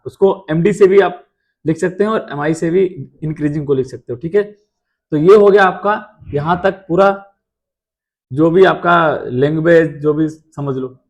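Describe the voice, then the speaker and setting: A man's voice: on the high side, measured pace. A man teaching math in an explanatory lecture, asking rhetorical questions and answering them himself.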